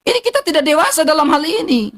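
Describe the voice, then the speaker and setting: A woman's voice: high voice, very animated, fast talker. A woman with an eastern Indonesian accent, ranting heatedly and bluntly to her livestream viewers, repeating herself for emphasis.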